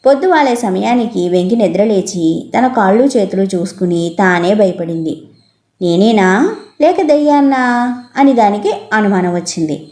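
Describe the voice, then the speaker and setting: A woman narrating a children's folk tale in a steady, measured way. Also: medium pitch, roomy sound. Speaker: storyteller. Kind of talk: storybook narration.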